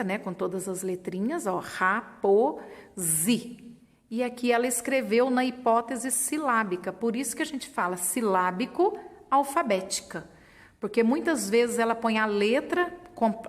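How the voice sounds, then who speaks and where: A woman with a Brazilian Portuguese accent explaining literacy stages to teachers, patiently sounding out words syllable by syllable. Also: fairly high pitch. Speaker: teacher trainer. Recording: long reverb.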